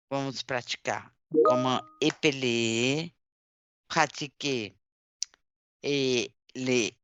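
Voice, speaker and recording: Very slow, deliberate woman teacher. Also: a bass voice, fairly bright tone, smooth, no room sound, dull audio. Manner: deliberate, spells words out letter by letter. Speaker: language teacher. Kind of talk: online class instruction.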